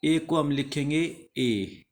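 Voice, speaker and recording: A slightly high-voiced man with an Indian accent teaches the English alphabet in a slow, repetitive way. He asks questions, answers them himself, and repeats each reply.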